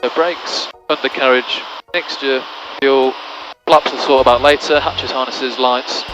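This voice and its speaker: Guy pilot on intercom, casual checklist chat, middling pitch, music in background. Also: steady tone, a little slow, low-quality recording. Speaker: pilot flying. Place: small aircraft cockpit in flight. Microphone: cockpit intercom headset.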